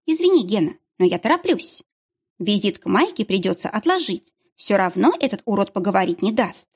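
A woman voicing a sharp-tongued, mocking young heroine with biting, sarcastic retorts. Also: medium pitch, big pitch swings, a little fast, husky.

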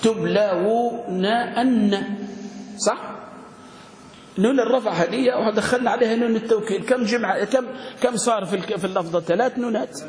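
A high-voiced man leads a grammar lesson, quizzing his class and drawing words out slowly. His voice rings through a reverberant room with a faint hiss underneath. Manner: questioning students, spelling words out slowly. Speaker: Arabic grammar teacher. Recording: echoey room with long reverb, faint noise.

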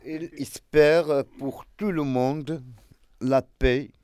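A man's voice: mid-range voice, fairly even intonation, drawn-out words, a little mellow, clear, resonant tone, no room sound. A man speaking French in a casual street discussion, explaining earnestly and often repeating words as he searches for them. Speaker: street interview participant, translator. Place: outdoors in a street.

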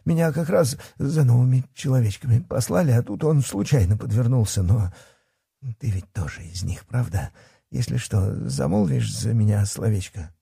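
A man's voice: medium pitch, lively intonation, moderate pace, vocal fry, dark tone, slightly rough, no echo, clean studio sound, heavily acted. A man voicing a cowardly fat male policeman, stammering and squealing in panic. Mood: wheedling. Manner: panicky pleading, stutters.

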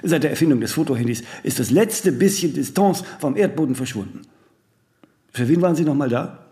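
In a radio play, a male actor portrays a vain, ageing celebrity delivering a monologue within dialogue, imperious and aloof, musing and pontificating in rambling aphorisms with clipped tag questions and self-corrections. His voice is fairly high and dark-toned, with lively intonation and a brisk pace.

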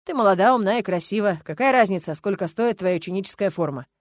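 A woman's voice: mid-range voice, expressive, fast talker, no echo, lightly acted. A woman reading a bossy young dragon man. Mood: coaxing. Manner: curt, bossy, self-assured. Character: arrogant commanding young male dragon student. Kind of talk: audiobook character voice.

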